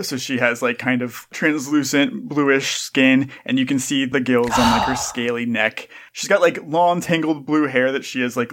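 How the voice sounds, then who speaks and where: A man narrating a tabletop game as game master, describing scenes in a measured way. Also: mid-range voice, fairly bright tone.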